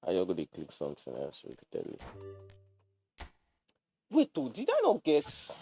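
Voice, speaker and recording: Over music, a young Nigerian streamer with a low voice jokes his way through a livestreamed game at a moderate pace. His commentary is loose and lively, sliding into pidgin slang.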